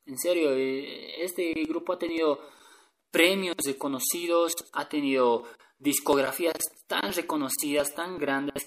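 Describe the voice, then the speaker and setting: A man's voice: medium pitch, a bit bright, recorded from a distance, rough recording. A man hosting a casual music talk for viewers, chatty and hesitant, often checking in with his listeners. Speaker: music channel host.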